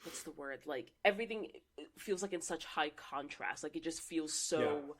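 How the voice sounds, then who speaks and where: A woman co-hosting a podcast, upbeat and chatty, with plenty of fillers. Her voice sits on the low side for a woman. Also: moderate pace. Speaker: podcast co-host. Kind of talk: casual chat.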